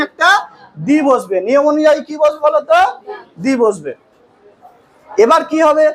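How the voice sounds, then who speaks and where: A woman with a high-pitched voice teaches an English grammar lesson, heard in a rough recording. In this classroom lesson she quizzes her students, then answers the questions herself.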